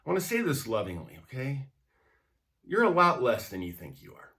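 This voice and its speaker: An American pastor delivers a conversational devotional sermon in a mid-range voice whose pitch swoops wildly. He keeps a moderate pace and a sharp tone, speaking emphatically and directly while often checking in with the listener through repeated tag questions.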